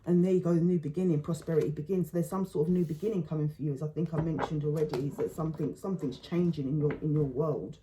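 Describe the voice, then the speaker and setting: A tarot reader, a woman, gives a relaxed spoken reading, thinking out loud in halting phrases and repeating words often. She mentions that her voice feels low today. There's noise in the background.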